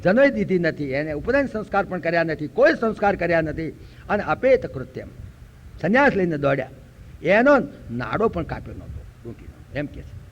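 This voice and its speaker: An older man from Gujarat giving a spiritual lecture, telling stories and slowly chanting verses. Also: fairly high pitch, sing-song, a little hiss or hum. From Gujarat, India. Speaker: preacher. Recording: dull lo-fi recording.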